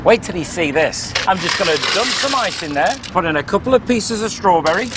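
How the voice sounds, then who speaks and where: High-voiced male infomercial demonstrator. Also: animated, brisk, very noisy. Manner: narrates each step while demonstrating. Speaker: infomercial presenter. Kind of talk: upbeat product demonstration.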